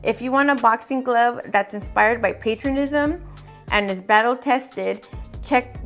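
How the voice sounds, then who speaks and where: A woman reading scripted sponsor announcements as a podcast ad narrator. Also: a little high. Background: music.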